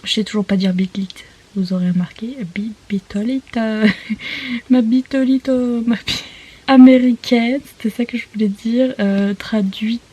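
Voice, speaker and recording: A woman book vlogger chats casually, rambling onto tangents and joking at her own expense. Her voice is on the high side, a little slow, mellow and slightly rough, and the audio quality is poor.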